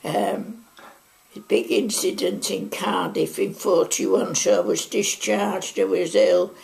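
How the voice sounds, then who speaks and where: Her mid-range voice is creaky and a little mellow, with a steady tone and slow pace. A nonagenarian from Manchester with a Mancunian accent, she reminisces chattily about the war in an oral history interview at home in her living room, drifting into plenty of asides.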